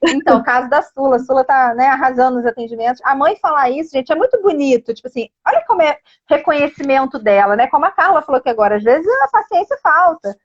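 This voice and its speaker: A woman's voice: sits high, lively intonation, quick pace, few pauses, muffled recording. A woman with a Brazilian Portuguese accent speaking earnestly as a child education coach in a casual live stream, addressing viewers directly.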